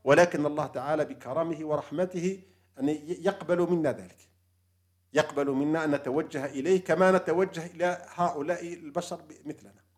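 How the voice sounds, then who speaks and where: A man delivers a spiritual lecture on humility before God at a quick clip. His voice sits a little high for a man, and he speaks earnestly and unscripted, often restarting his phrases and filling pauses. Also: fairly even intonation. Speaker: religious lecturer.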